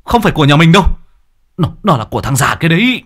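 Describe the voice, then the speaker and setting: A man voicing a bitter, betrayed young husband who shouts in furious outbursts. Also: a bass voice, animated, racing, breathy edge, no echo, clean studio sound, pitched below the performer's own voice, full character voice. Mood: enraged.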